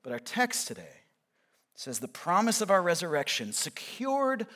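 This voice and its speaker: Bright-voiced, high-pitched male pastor preaching. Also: normal speed. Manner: conversational, animated storytelling with acted-out movie quotes. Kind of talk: sermon. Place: church sanctuary.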